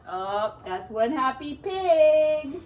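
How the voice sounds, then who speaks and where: A teacher with a high-pitched voice reads a picture book aloud to young children, going very slowly and sounding very animated and a little mellow. She stretches out descriptions dramatically and slips in playful asides, and the microphone sounds slightly distant.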